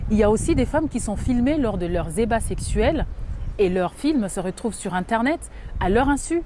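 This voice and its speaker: A woman from DR Congo, a human rights lawyer, giving a formal, measured awareness statement. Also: fairly high pitch, lively intonation, dark tone, slight background noise.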